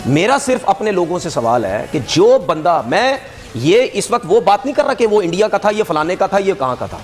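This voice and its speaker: Man, lecturing and rhetorical, high voice, very lively pitch, faint music underneath. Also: normal speed. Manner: rhetorical, lecturing, keeps asking "ठीक है?". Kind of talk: opinion monologue.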